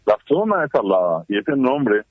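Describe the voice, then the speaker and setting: A male Guarani scholar is interviewed on the radio from his home as heavy rain falls, giving long explanations packed with fillers and restarts. His medium-pitched voice is sing-song and a bit breathy at a moderate pace, with no room sound, carried over a tinny phone line.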